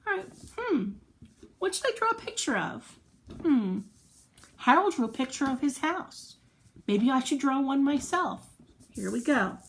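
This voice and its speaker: With big pitch swings, a woman whose voice sits high reads a story aloud to young children and chats with them warmly, offering simple explanations and questions. She keeps a measured pace and pauses often.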